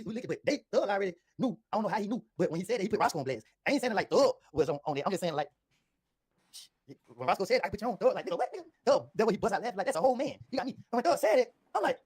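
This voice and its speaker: Husky man telling his side, fast. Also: sits high, dry recording, studio quality. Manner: defensive, insistent, repetitive. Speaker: interviewee. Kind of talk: emotional interview storytelling.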